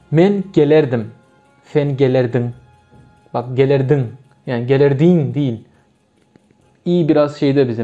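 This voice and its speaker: Man teaching, Turkmen accent, hesitant and full of fillers, warm tone, slightly higher voice. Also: dull audio. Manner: hesitant, with many fillers and self-corrections. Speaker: language teacher. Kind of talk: casual video lesson.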